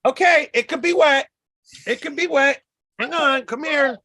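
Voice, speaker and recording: A man hosting a casual live stream and talking excitedly to his viewers. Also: extremely high pitch, a little slow, no room sound, studio quality. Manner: excitable, addressing viewers directly.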